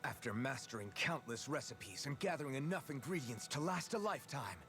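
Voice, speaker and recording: A man's voice: medium pitch, animated, fairly quick, very noisy, natural voice. A man voicing an earnest young male swordsman in a video game, speaking in a proud, eager, theatrical way. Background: game music.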